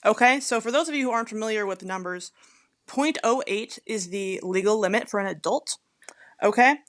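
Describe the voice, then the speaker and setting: A woman who is both a police officer and a podcast co-host talks a little fast in a medium-pitched voice during a casual podcast chat. She's blunt, sarcastic and teasing, and she swears a lot.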